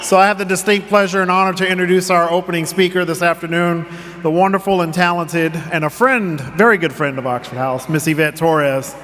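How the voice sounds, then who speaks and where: A man's voice: sits high, fairly even intonation, fairly quick, a bit bright. A man emceeing a convention session, upbeat and engaging the audience as he introduces a speaker. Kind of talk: stage introduction. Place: large convention hall. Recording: convention hall with reverb.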